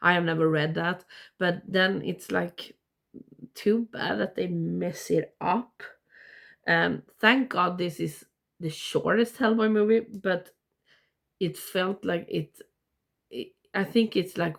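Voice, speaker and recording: A woman with a blocked nose giving a casual video review, rambling and haltingly, often interrupting herself. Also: fairly low pitch, creaky. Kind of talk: casual ranking review to camera.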